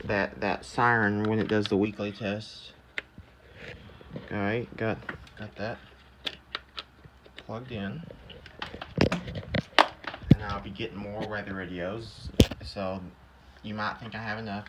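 A man with a fairly low voice casually shows off a gadget indoors in a cluttered home room, muttering to himself in halting phrases as he works it. He records on a handheld phone or camera held close to the device. The home recording is noisy, with loud background noise, button clicks and device beeps.

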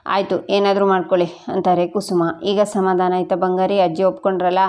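A woman's voice: on the low side, flat delivery, a little fast, darkish tone, clear, resonant tone. A woman narrating a recap of a TV serial episode, reading every character's lines in her own voice followed by short speaker tags. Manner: reads all characters' dialogue in her own voice with brief tags. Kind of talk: storytelling recap, voicing each character's lines.

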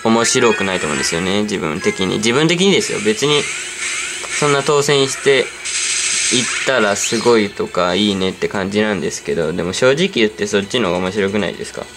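Here a man with a lowish voice and lively intonation talks fairly quickly, rambling to himself in an easygoing way as he plays a game. Background music sits clearly under his voice.

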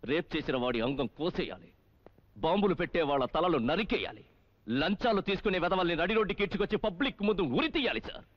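A man's voice: high-pitched, expressive, fast talker, lo-fi sound. An actor playing a defiant male police officer in a dubbed film, speaking with impassioned righteousness.

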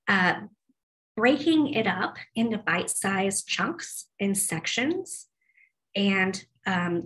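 A woman's voice: mid-range voice, fairly bright tone, rough recording. A woman in her forties giving a staff training on a video call, talking casually with many ums and restarts. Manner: chatty, frequent ums and restarts. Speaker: web development presenter. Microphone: video call laptop mic.

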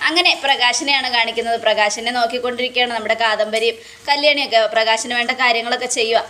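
A woman's voice: a little high, fast talker, sharp tone. A woman hosting a TV serial recap, greeting her viewers and retelling an episode scene by scene. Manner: storytelling narration.

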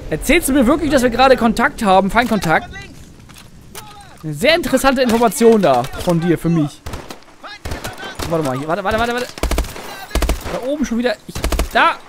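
A man giving casual gameplay commentary as a let's play gamer, excitable and swearing at the game. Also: very high-pitched, normal speed, long pauses. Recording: noisy game sound behind. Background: game gunfire and noise.

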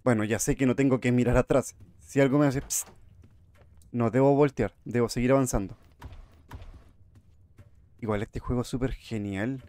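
A man's voice: mid-range voice, steady tone, normal speed, pauses often, dark tone, dry recording. A man giving jumpy, chatty horror game commentary, talking to his viewers. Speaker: gamer streamer.

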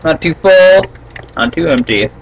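Upbeat man asking quick questions. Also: fairly high pitch, expressive, gravelly, a little hiss or hum, rough recording. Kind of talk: casual interviewer banter. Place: home kitchen, indoors.

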